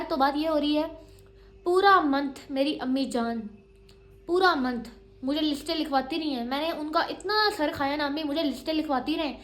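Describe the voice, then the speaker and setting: A young woman, chatting dramatically in a casual home vlog. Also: sits high. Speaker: vlogger.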